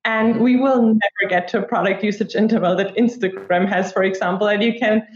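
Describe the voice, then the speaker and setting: A woman's voice: medium pitch, fairly even intonation, a little fast. A woman in her twenties from Austria, a guest in a casual interview, chatty and full of "like" fillers. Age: 20s. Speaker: guest, product marketer. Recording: echoey room, dull lo-fi sound.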